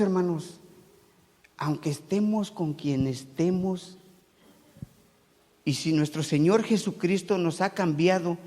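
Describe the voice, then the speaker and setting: A man from Mexico City with a Mexico City Spanish accent, preaching a sermon and moving between loud preaching and quiet conversational asides. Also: a little high, in a large hall. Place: church hall.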